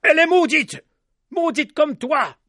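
A man voicing hostile villagers who hurl insults in high, loud shouts. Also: lively intonation, unhurried, no room sound, clean studio sound, heavily acted. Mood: furious. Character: angry shouting village crowd members.

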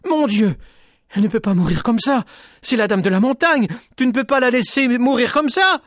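A man voicing an anguished young man who shouts and sobs in desperate grief. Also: very high voice, animated, moderate pace, dry recording, clean studio sound, pitched above the performer's own voice. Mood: despairing. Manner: shouting, sobbing, desperate pleading.

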